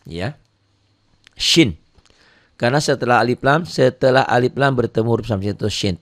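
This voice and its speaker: A man's voice: mid-range voice, normal speed, no room sound, studio quality. A man teaching Quran recitation rules to beginners, explaining patiently and repeating each point step by step. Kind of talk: tajwid lesson with recited examples.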